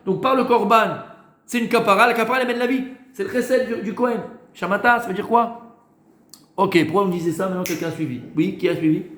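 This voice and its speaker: A rabbi teaching a Torah class to students, posing questions and answering them himself, with hesitant fillers and repeated words. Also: male voice, sits high, a bit bright, echoey room.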